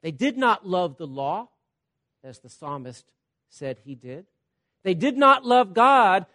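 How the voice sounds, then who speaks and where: A high-voiced man preaches a sermon with animation, swinging between loud, emphatic points and soft, quiet asides. He often checks in with his listeners by repeating "Okay?"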